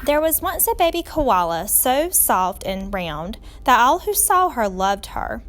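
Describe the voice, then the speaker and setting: A woman reads a children's storybook aloud in a teacherly way, her slightly high voice using expressive, deliberate and dramatic phrasing meant for young listeners.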